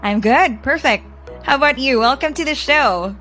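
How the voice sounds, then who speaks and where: A woman's voice: sits high, animated, normal speed, soft background music. A woman hosting a startup podcast, reading a scripted intro and chatting in an upbeat way over a video call. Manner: upbeat, warm welcomes, light laughter. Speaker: podcast host. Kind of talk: scripted intro and casual interview.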